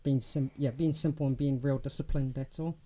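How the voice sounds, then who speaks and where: A young man with a New Zealand accent and a medium-pitched voice speaks briskly as a guest in a laid-back interview. He comes across as easygoing, often saying um and starting his sentences over.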